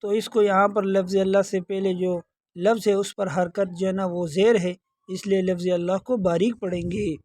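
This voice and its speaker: High-voiced man teaching recitation. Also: flat delivery, darkish tone, no echo. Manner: patient, repeats words slowly to correct common mistakes. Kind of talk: tajweed lesson, explaining then chanting verses slowly.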